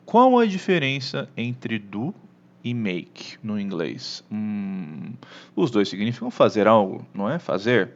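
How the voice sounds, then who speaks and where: A man with a Brazilian Portuguese accent teaching an English lesson online, animated, often checking in with the listener. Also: fairly low pitch, takes it slowly, highs cut off.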